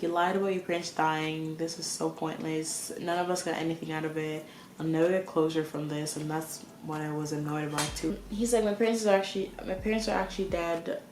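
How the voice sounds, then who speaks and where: A woman's voice: sits low, darkish tone, slight background noise. A young woman telling a storytime vlog in a casual, exasperated rant full of restarts. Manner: exasperated, ranting, many likes and restarts. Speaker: vlogger. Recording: echoey room with faint ambience.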